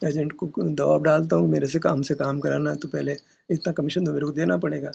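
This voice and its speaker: A man's voice: on the high side, little pitch movement, a little fast, creaky, dark tone, breathy edge. A man teaching at a meditation session, arguing his point with rhetorical questions and casual asides. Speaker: spiritual teacher. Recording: dull lo-fi recording.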